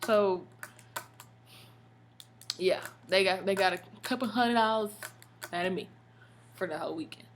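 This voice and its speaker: An American woman telling stories in a casual, slangy vlog style, expressive and full of emphatic asides. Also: medium pitch, a little slow, pauses often, slight background noise. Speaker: vlogger. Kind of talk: casual chatty storytelling vlog.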